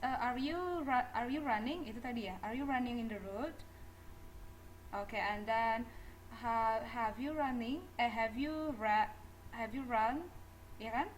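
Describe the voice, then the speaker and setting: A woman's voice: fairly high pitch, slight background noise, poor audio. A woman teaching English in a classroom, mixing Indonesian and English as she drills students on verb forms and pronunciation, with frequent small laughs. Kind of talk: classroom lecture.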